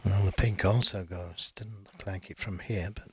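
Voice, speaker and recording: Hushed, husky male snooker commentator. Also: sits low, steady tone. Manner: measured, analytical, understated.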